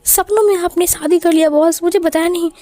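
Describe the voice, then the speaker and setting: A woman's voice: extremely high pitch, steady tone, a little fast, mellow, no echo, pitched above the performer's own voice. A woman voicing a nosy, talkative young henchman who rambles and whines. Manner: rambling, whiny, gossipy. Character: chatty young male henchman, nosy and comic.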